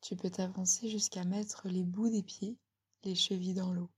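A woman giving a slow, soothing guided relaxation in a breathy ASMR whisper, very close, as if right in the listener's ear. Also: mid-range voice, steady tone. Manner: slow, soothing, gently instructing.

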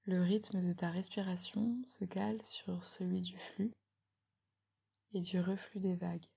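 A woman giving a slow, soothing guided relaxation in a breathy ASMR whisper, very close, as if right in the listener's ear. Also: on the low side, fairly even intonation. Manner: slow, soothing, gently instructing.

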